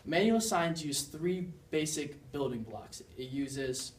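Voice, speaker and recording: A young student gives an earnest class presentation, demonstrating as he explains. His voice sits on the high side. It is picked up by a distant mic in an echoey room with a faint hum of ambience. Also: lively intonation, slow pace.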